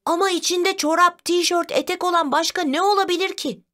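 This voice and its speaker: A woman voicing Bartu, an eager, playful little boy, in an excited, shouting child voice for a storybook reading. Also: very high-pitched, a little fast, pitched above the performer's own voice.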